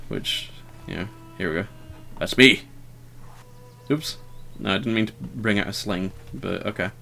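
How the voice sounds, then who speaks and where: Rambling low-voiced man playing a game. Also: gravelly, a bit bright, slight background noise. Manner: rambling, hesitant, lots of fillers; self-deprecating and wry. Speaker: let's player. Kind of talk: casual gameplay commentary.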